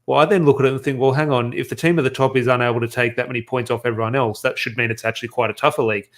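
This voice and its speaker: An Englishman talking football on a podcast at a quick clip. He rambles and restarts his sentences a lot, with the easy tone of a casual chat between mates. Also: mid-range voice, steady tone. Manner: rambling, stumbles and restarts often. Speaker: podcast co-host.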